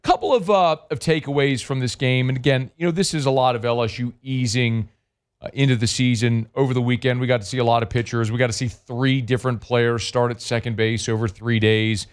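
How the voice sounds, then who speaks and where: A man runs a sports talk radio show from a studio microphone. He talks energetically and conversationally, full of fillers and asides. His voice is smooth and resonant, with a middle pitch. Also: fairly even intonation, brisk.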